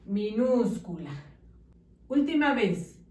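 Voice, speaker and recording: Slow, patient woman teacher in echoey room. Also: a little high, very animated, darkish tone. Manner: patient, slow, syllable-by-syllable dictation with check-in questions. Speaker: primary school teacher. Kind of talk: slow handwriting lesson for young children. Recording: echoey room, distant mic.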